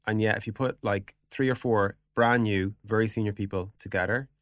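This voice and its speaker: With a lowish, steady voice at normal speed, a man talks as a podcast guest; he's a product executive. His explanations are informal, casual business conversation sprinkled with "you know" and similar fillers, and the sound is clean studio audio without echo.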